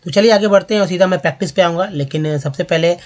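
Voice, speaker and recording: A man hosting a spoken language lesson, explaining briskly and reading word lists slowly and deliberately. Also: high-pitched, a little mellow. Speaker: English teacher and channel host.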